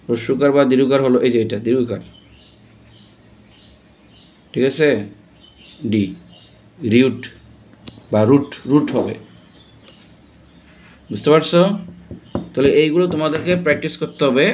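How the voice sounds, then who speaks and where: A mellow, medium-pitched male voice belongs to a teacher with a Bangladeshi accent giving a pronunciation lesson in class. He breaks words into individual letters and keeps quizzing his students.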